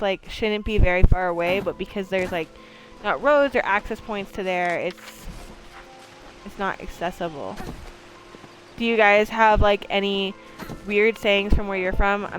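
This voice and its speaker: A woman's voice: medium pitch, low-quality recording. Chatty young woman rambling on stream. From Maine, USA. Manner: chatty, rambling, swears casually. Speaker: livestreamer. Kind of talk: casual chat while playing a game.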